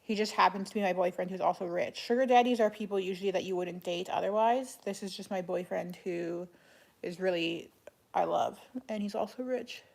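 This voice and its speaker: A woman chatting casually on a livestream as she answers viewers, speaking in a flat monotone with a creaky voice. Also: mid-range voice, fairly quick. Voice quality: creaky vocal fry. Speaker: live streamer answering chat.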